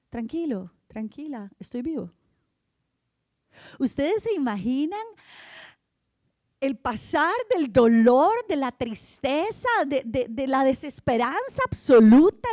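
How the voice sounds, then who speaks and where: A woman with a high, somewhat mellow voice preaches an Easter sermon to a congregation, animatedly telling the story and acting out the voices of its people. She often asks her listeners "right?" The studio sound is clean, with no echo.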